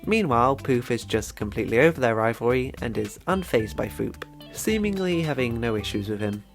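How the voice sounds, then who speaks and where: A man's voice: mid-range voice, expressive, brisk, gravelly, faint music behind. A man narrating a scripted video essay about a cartoon, wry and chatty in his commentary.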